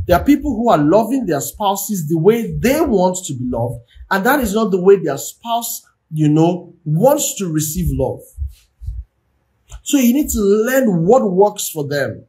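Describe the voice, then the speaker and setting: A man's voice: high-pitched, darkish tone. A man giving marriage advice on a livestream as a relationship coach. He preaches and keeps repeating phrases and checking in with his listeners. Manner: preachy, repeats phrases, asks "do you understand?".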